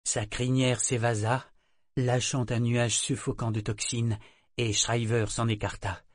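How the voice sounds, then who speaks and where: In this scripted narration, a man with a medium-pitched voice reads from a novel at an even, deliberate pace. The studio-quality audio has no echo.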